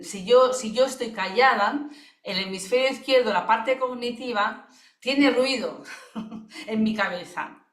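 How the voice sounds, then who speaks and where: A woman therapist explains her work in a calm, reflective teaching voice at a mid pitch. She often pauses to check in with her listeners. She is recorded over a video call in a noticeably echoey room. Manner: thoughtful, unhurried, often checks in with a tag question. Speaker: singing therapist giving a webinar. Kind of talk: teaching talk. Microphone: video call microphone.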